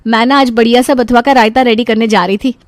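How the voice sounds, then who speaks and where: A woman's voice: on the high side, steady tone, fast, no room sound, natural voice. A woman doing a chirpy carefree young bride. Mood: breezy. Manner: breezy, chirpy, brushes off scolding. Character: cheerful carefree young woman, new daughter-in-law.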